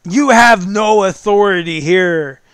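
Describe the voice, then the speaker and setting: A man voicing a booming, imperious royal official shouting commands in a tabletop game. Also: takes it slowly, smooth, dry recording. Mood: commanding fury. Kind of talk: tabletop game role-play.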